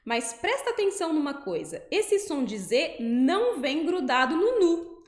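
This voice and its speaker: A Brazilian Portuguese-speaking woman teaching French pronunciation, slowing down to spell out syllables. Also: sits high, very animated, roomy sound. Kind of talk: pronunciation lesson.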